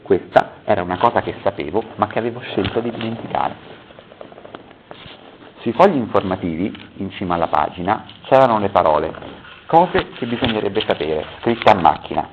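A man's voice: fairly low pitch, expressive, moderate pace, background noise. A man reading a story aloud at a public talk, stopping now and then to correct his own misreadings. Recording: tinny phone-like recording.

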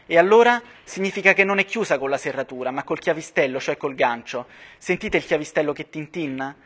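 A man reading aloud voices a quick-witted young man who urgently explains his reasoning, calling out and insisting. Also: a little high, expressive. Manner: insistent, shouting, explaining step by step.

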